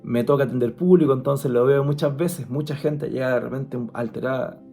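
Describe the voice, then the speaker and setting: A man gives an earnest devotional talk, his voice gravelly and dark. He speaks conversationally and restarts often. Soft music plays faintly underneath. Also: mid-range voice, fairly even intonation, fairly quick. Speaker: guest speaker.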